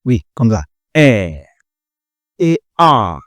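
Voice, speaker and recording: A man from Ghana teaching a language class, repeating each word slowly and carefully to drill pronunciation. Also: medium pitch, sing-song, fairly bright tone, no echo, clean studio sound. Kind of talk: pronunciation lesson.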